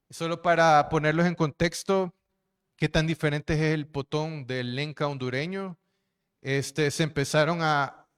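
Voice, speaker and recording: Guy lecturing on language, clear smooth voice, lots of fillers and "right?". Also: mid-range voice, fairly bright tone. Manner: explanatory, with frequent fillers and tag questions. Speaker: linguist and researcher giving a talk. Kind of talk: public lecture with slides.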